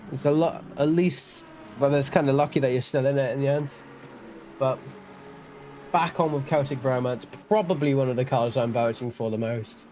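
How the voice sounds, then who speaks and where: A man's voice: medium pitch, a little mellow, a little hiss or hum. A young Welshman with a Welsh accent giving chatty, self-deprecating live-stream commentary on a sim race, often restarting his sentences. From Wales.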